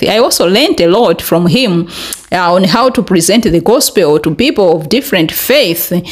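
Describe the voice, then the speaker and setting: A young woman from Malawi talking earnestly to camera in a small bright room, with many fillers, her pitch rising when she presses a point. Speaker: vlogger. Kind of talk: casual commentary to camera. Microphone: desk podcast mic in front.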